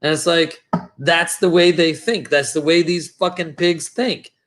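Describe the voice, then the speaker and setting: A man's voice: fairly high pitch, steady tone, measured pace, fairly bright tone. A man co-hosting a casual livestream chat, blunt and swearing as he retells run-ins. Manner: blunt, swears, retells stories with quoted voices. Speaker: livestream co-host.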